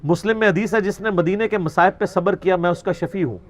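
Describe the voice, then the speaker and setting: Answering questions as a religious teacher, a man with a high-sitting voice speaks quickly. He argues in a mocking, rhetorical manner and weaves in quoted narrations.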